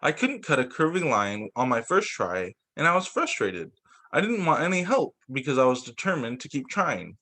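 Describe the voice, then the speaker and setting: Reading to a class of young children, this teacher brings storybooks to life expressively, though he occasionally trips over words and goes back over a phrase. He speaks at a medium pitch and a moderate pace.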